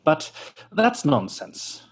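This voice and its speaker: A pompous vain stage actor. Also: male voice, a little high, huge pitch swings, drawn-out words, breathy edge, full character voice. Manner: pompous, theatrical, scoffing. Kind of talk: old-time radio drama acting.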